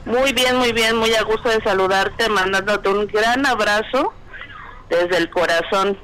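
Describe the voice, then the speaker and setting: A woman's voice: mid-range voice, measured pace, fairly bright tone. A woman from Xalapa calling into a live show, gushing and swearing playfully. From Xalapa, Mexico. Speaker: caller. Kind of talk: phone call-in chat. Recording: noisy phone call.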